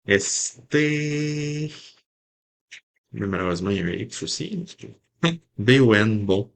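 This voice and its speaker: A Québécois man with a fairly low voice talks slowly and easily while scratching lottery tickets. He calls his viewers ladies and gentlemen and puts a little mock drama into each near miss. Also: expressive, creaky. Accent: Québécois French. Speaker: lottery scratch-card vlogger.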